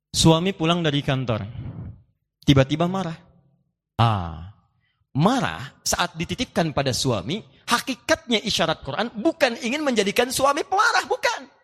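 Lively high-voiced male preacher. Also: big-room sound. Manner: lively, playful, acts out dialogue, recites Quranic Arabic. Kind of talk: sermon.

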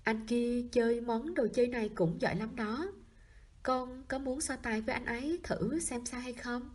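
A woman voicing a reserved young male teacher who speaks gently and coaxingly to a small child, in an audiobook. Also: a little high, normal speed, husky, pitched above the performer's own voice.

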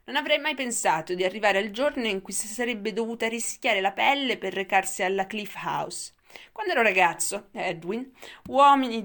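Lady doing a creaky old grandpa, thin shaky falsetto, rambly and whiny, pitched way up and loud. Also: natural voice. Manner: shrill, rambling, grumbling. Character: frail old man grandfather, querulous.

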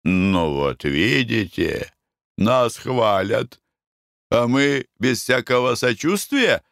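A man's voice: medium pitch, sing-song, takes it slowly, gravelly, fairly bright tone, no echo, clean studio sound, heavily acted. A man voicing a cheerful, free-spending merchant in a storybook reading. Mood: boisterous. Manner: boisterous, hearty.

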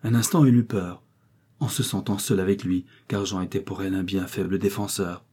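Man, audiobook narrator, dark mellow tone, husky, lowish voice, measured reading. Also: fairly even intonation. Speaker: audiobook reader. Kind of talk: scripted narration.

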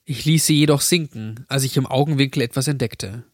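A man calmly narrating a scripted horror story, recorded close to the mic. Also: medium pitch, a little fast, dry recording.

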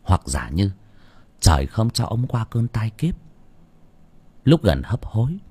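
A man narrating an audiobook with expressive, lively storytelling. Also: lowish voice, unhurried, slightly rough. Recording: dry close mic with faint background music.

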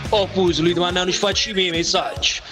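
A man's voice: high voice, fairly even intonation, normal speed. A man giving a jokey promo announcement in street slang. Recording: music behind the voice.

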